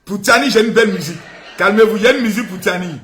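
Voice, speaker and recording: A man hosting a live stream, taunting and shouting in a theatrical, sing-song rant. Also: high-pitched, rapid-fire. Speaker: political live-stream host. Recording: echoey room with faint noise.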